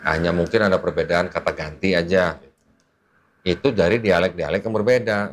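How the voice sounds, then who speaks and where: Low-voiced male teacher type; patient, casual, explains with homely examples. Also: fairly even intonation, moderate pace. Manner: patient, uses everyday examples, laughs often. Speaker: Islamic teacher explaining to a guest.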